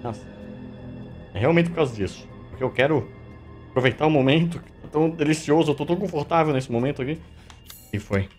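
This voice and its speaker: A man with a Brazilian Portuguese accent doing let's play commentary, jumpy and swearing, with bursts of squeaky baby talk. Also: animated, fairly quick, long pauses, darkish tone, faint music behind. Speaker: gameplay streamer.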